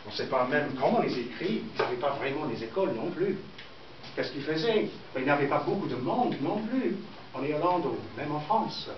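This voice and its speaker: A middle-aged man from southern England, a native English speaker with an English accent, teaching a school class in simple, halting phrases with repetitions. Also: a little high, expressive. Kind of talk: classroom lesson. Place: indoor school classroom with pupils. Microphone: distant camera microphone. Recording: echoey noisy classroom, muffled, from far off.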